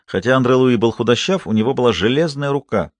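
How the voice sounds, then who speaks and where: A man narrating an audiobook in a measured, even storytelling manner. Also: mid-range voice, no room sound. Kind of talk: scripted narration.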